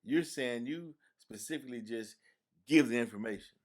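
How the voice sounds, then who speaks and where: A man hosting a radio interview, speaking haltingly with repeated words and restarts. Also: medium pitch. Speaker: radio show host. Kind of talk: conversational interview.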